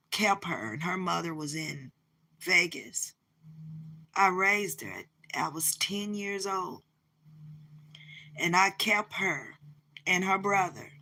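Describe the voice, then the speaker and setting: A woman who is losing her voice, speaking in a slow, heartfelt way and often repeating herself for emphasis as she shares a personal story. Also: fairly low pitch, pushed and bright. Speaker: vlogger. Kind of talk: personal testimony to camera.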